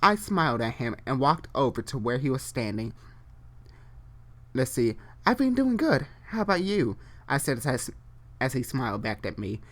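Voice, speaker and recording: With a medium pitch and big swings in intonation, an online storyteller reads fan fiction live. The delivery halts often as phrases get repeated and corrected, interrupted by chatty, informal asides.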